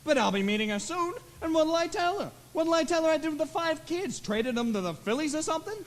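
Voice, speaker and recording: A teenage boy playing a smooth-talking young gambler in a school musical, coaxing and slangy. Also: extremely high pitch, lively intonation, fast talker. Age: teens. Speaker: student actor in a school musical. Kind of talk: stage musical acting. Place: school auditorium stage.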